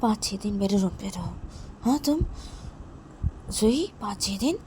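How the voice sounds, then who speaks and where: A woman's voice: mid-range voice, lively intonation, measured pace, mellow, slight background noise, pitched below the performer's own voice, natural voice. A woman voicing a young woman in love who keeps pleading and repeating herself to win her partner over. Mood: persuading. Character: pleading young woman lover, anxious and insistent. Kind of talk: amateur story narration with voices.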